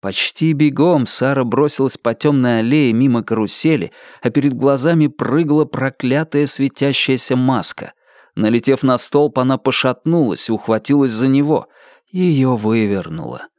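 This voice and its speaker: A man reading a novel aloud as an audiobook narrator, in a dramatic, expressive manner. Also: mid-range voice, normal speed, no echo, clean studio sound. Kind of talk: scripted narration.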